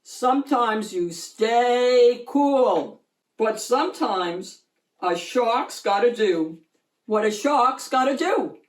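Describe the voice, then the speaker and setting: Woman acting young boy shark, storybook, exuberant, loud, slow stretched-out words, swooping pitch. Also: lively intonation, reverberant, distant mic. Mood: confident. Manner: shouting, drawn-out enthusiastic delivery.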